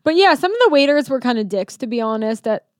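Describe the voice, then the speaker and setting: A woman's voice: fairly high pitch, expressive, quick pace, darkish tone, dry recording. Chatty woman host, dry close sound. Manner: chatty storyteller, mimics people she describes. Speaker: podcast host. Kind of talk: casual chat.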